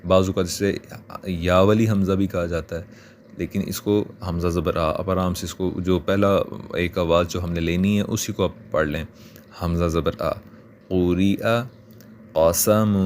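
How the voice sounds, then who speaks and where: Deep-voiced Pakistani man teaching Quran reading. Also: darkish tone, slight background noise. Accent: Pakistani Urdu. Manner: slow, drawn-out spelling of sounds between quick explanations. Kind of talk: spelling out syllables for learners.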